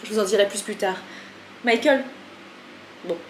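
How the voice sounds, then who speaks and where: At a moderate pace and in a mid-range voice, a woman films her casual daily vlog at home in the kitchen, chatting with frazzled self-mockery and repeatedly addressing her cat. The vlogger's kitchen echoes, and faint room noise can be heard.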